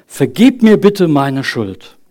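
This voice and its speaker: Here a thirties-aged man preaches at church, talking earnestly and conversationally as he poses questions to the congregation and guides a prayer. He speaks slowly but with great animation, his fairly high voice carrying a darkish tone.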